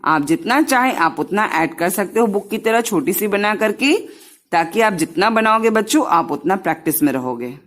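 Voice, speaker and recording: A woman's voice: medium pitch, lively intonation, moderate pace. A woman teaching young children a Hindi lesson, sounding out each syllable patiently and mixing in English words.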